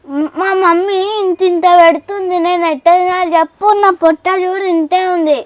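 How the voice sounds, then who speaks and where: A woman's voice: steady tone, normal speed, no echo. A girl acting, talking in a whiny, pleading, playful way. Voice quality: high childish voice. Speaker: child actor in village comedy sketch.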